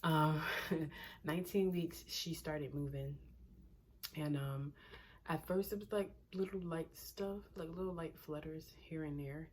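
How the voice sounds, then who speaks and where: Low-voiced chatty pregnant woman. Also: fairly even intonation, unhurried, darkish tone, slight background noise. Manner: chatty, rambling, laughs often, drops to a near whisper at times. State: short of breath from pregnancy. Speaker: pregnancy vlogger. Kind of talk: casual vlog chat.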